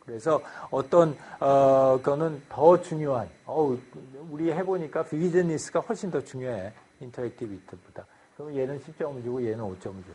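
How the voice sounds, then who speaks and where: A man's voice: mid-range voice, normal speed, few pauses, warm tone, breathy edge. A man giving a university lecture, explaining a design process step by step, with frequent fillers and English loanwords.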